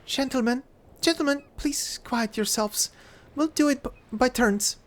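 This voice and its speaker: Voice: high-pitched, measured pace, voice pushed up. Someone voicing a courteous, earnest young woman writer in a video game read-aloud. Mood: pleading.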